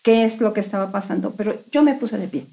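A woman's voice: mid-range voice, fast, gravelly, warm tone. A middle-aged woman giving a hesitant personal testimony in a radio interview. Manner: hesitant, with many fillers and restarts.

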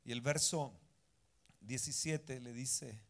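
A man preaching a sermon, firing rhetorical questions and breaking into sudden loud outbursts. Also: mid-range voice, slow. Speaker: pastor.

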